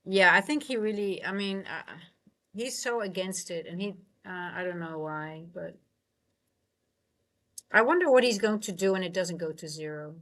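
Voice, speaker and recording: A woman who trades futures and coaches hosts a live trading stream, giving casual commentary to her chat. Her fairly low, fairly bright voice moves at normal speed as she thinks aloud tentatively, often trailing off mid-sentence.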